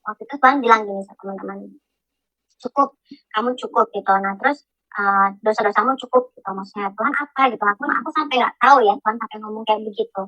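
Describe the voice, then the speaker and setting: Bright-voiced woman giving emotional testimony. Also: medium pitch, dry recording, poor audio. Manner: emotional, halting, many fillers and restarts. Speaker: testimony speaker.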